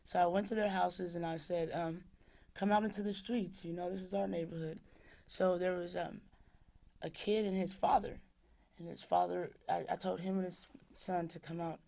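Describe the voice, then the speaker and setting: A woman's voice: on the low side, level tone, normal speed, gravelly, mellow. A woman activist telling a story in a studio interview, plain-spoken, with "um" and "like" fillers. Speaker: activist guest.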